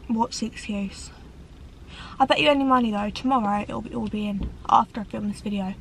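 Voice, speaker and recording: A young woman chats animatedly to a dashboard camera in a parked car. Her voice sits high and bright as she gestures and lets out dramatic sighs. A faint hum of the car and the outside can be heard behind her. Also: fairly even intonation, brisk, creaky, poor audio. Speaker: vlogger. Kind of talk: casual chat to camera. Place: parked car on a rainy day.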